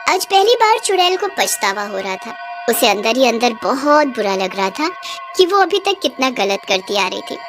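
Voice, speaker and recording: A woman narrating a horror cartoon story in a clear, even storytelling manner. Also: a little high, normal speed. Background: music.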